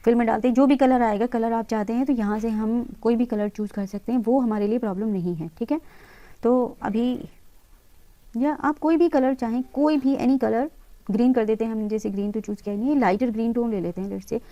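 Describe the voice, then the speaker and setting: Woman instructor, slightly high and warm tone, patient step-by-step tutorial delivery. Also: steady tone, brisk, lo-fi sound. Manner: patient, talks viewers through each step, mixing English terms into her talk. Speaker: interior design instructor. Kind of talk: screen-recorded software tutorial.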